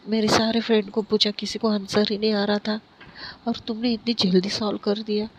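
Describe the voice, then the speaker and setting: A woman's voice: mid-range voice, little pitch movement, a little fast, a little hiss or hum, rough recording. A woman casually retelling a love story in a loose, conversational way, speaking the characters' lines herself.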